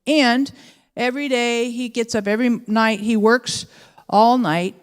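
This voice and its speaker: A woman's voice: fairly high pitch, fairly even intonation, measured pace, clean tone. A woman pastor giving a sermon, telling the story in a casual, conversational way and briefly acting out the voices of its characters. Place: church. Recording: long church hall reverb.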